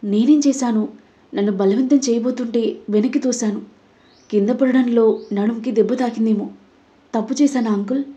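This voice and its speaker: Casting note: woman voicing a defiant, sly young heroine for an audio story, warm voice, lo-fi sound. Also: mid-range voice, steady tone, a little fast, lightly acted. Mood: feigned innocence. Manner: defiant, then feigning innocence. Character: bold young woman, karate-trained and cunning.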